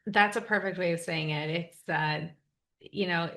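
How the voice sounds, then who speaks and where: A woman's voice: fairly low pitch, measured pace, a bit bright. A woman co-hosting a podcast, chatting casually in an agreeable, musing way. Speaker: podcast co-host. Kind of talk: casual discussion.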